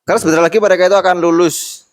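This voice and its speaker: A man's voice: high voice, fairly even intonation, racing, no echo. Young man from Boyolali joking as host. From Boyolali, Central Java. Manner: playful, jokey, mixes in Javanese words. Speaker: host interviewing classmates. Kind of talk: casual school interview chat.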